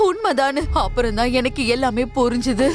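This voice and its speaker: A woman's voice: sits high, expressive, fairly quick. An actress playing a crying woman who tearfully recounts her father's past in a dubbed horror film. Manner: tearful storytelling. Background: film music.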